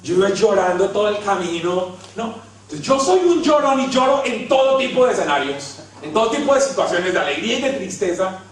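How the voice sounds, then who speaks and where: A Colombian preacher with a high voice tells funny stories about himself, dropping to a hush and then rising again. He sounds far from the mic in a very echoey hall. Faint noise sits under the recording. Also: very animated, a little fast. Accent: Colombian Spanish. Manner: storytelling, self-mocking, swings from hushed to loud. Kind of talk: humorous sermon. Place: large hall.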